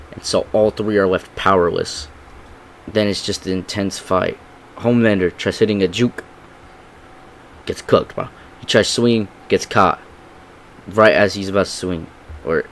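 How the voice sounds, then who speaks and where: Young male reviewer, low voice, casual slangy recap, faint noise behind; lively and unpolished. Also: poor audio. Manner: slangy and excited, with sound effects.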